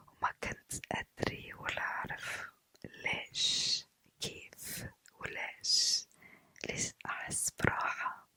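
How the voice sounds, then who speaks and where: A woman chatting in a quiet, hushed late-night ASMR whisper, halting pauses. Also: no echo, rough recording. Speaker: ASMR video creator. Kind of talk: ASMR casual chat, whispered.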